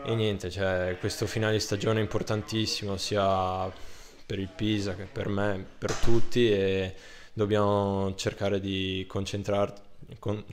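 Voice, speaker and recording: Indoors beneath a ribbed ceiling, a football player in his 20s answers post-match questions into a handheld mic held up by the interviewer. His low monotone is hesitant, broken by fillers and restarts.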